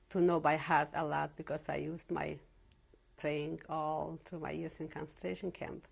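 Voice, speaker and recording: Speaking in a low, gravelly voice, a woman in her seventies from Czechoslovakia looks back on her early years as a Holocaust survivor in a home interview in Cleveland. English isn't her first language, which is Yiddish or Slovak, and her reflective account is full of hesitations and restarts.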